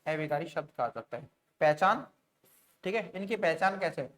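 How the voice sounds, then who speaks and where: A man's voice: on the high side, expressive, moderate pace, a bit bright. A man teaching an online grammar lesson, explaining step by step and often putting questions to his students, with frequent fillers. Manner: sprinkles fillers like "theek hai" and "bhai".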